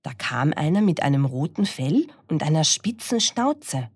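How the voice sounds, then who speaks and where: A woman reading a children's picture book aloud in a slow, expressive storytelling manner. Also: deep voice, breathy edge, no echo.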